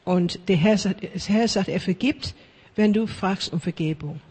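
A male preacher leads charismatic prayer ministry in a high, breathy voice. He repeats his blessings like a chant and drops to a whisper now and then. English phrases slip into his German prayer. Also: a little slow, a little mellow. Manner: fervent, repetitive chanting of blessings.

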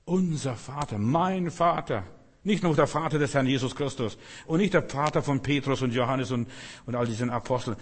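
A man preaches with an emphatic, repetitive delivery and slips into the voices of the people he quotes. His voice is husky. It rings out with a long reverb, as if in a large hall. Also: medium pitch, a little fast. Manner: emphatic, repeats key phrases, acts out quoted voices. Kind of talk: sermon.

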